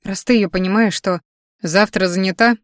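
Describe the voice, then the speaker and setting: A woman voicing a calm adult man who soothes and teases his young girlfriend in an audiobook. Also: medium pitch, normal speed, no room sound, studio quality, lightly acted. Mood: soothing. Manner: soothing and teasing. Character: calm grown man, tender boyfriend.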